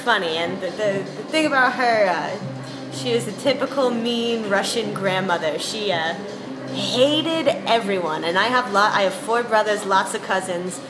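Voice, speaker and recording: A woman's voice: medium pitch, lively intonation, a little slow. Young woman, Bronx accent, chatty storyteller, echoey recording, music in background. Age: young adult. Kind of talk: casual recorded interview.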